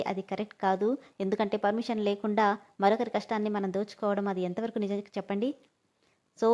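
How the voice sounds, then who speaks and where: A woman's voice: medium pitch, warm tone. A woman hosting her channel and narrating a story, friendly and addressing listeners as friends.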